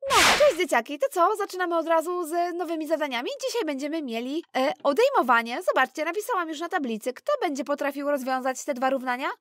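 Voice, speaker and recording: Woman as a brisk cheerful teacher toy. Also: sits high, animated, a bit bright, dry recording, clean studio sound. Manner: brisk, encouraging classroom tone. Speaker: teacher figure.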